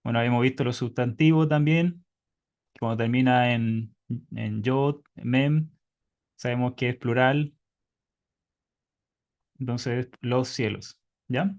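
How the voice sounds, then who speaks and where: A man's voice: medium pitch, takes it slowly, pauses often, darkish tone, muffled recording. A man teaching Hebrew in an online class by video call, patiently quizzing his students.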